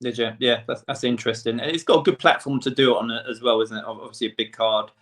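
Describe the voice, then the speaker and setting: A man hosting a casual boxing interview, asking brief questions and giving steady backchannel. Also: medium pitch, quick pace. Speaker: interview host.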